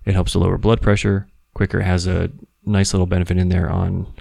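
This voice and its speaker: Very deep, creaky-voiced man on a podcast. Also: flat delivery, fast, mellow, dry recording, studio quality. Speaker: podcast co-host. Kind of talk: casual explanatory podcast talk.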